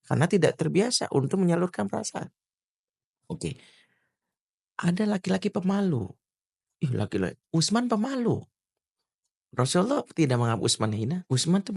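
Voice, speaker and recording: A middle-aged man, a preacher, giving a lively talk on parenting and quoting Arabic verses. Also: gravelly. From Indonesia. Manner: animated, swings to high emphatic pitch, quotes Arabic verses. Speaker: Islamic preacher, podcast guest. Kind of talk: casual religious talk on parenting.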